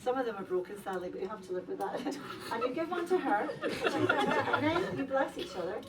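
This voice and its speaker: In a big indoor café hall, a woman whose first language is Polish hosts a festive dinner, teasing and laughing playfully through a lively speech to the guests. Her fairly high voice is lively in intonation and a little fast. She's far from the mic and the recording is very noisy, with the crowd of diners chattering.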